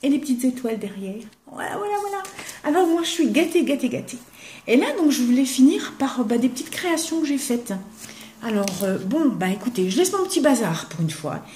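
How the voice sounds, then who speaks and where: An older woman rambles happily through her craft gifts, her voice a little high and soft-edged. She often sinks into a hushed whisper as she admires something. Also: animated, fairly quick, slight background noise. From eastern France. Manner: chatty, warm, drops to a whisper when admiring things. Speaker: craft vlogger. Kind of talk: casual chat showing gifts to camera.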